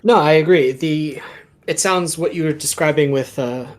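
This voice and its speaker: A man's voice: fairly high pitch, normal speed. A man hosting a podcast, chatting casually and explaining his points with examples. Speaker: podcast host. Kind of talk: casual chat.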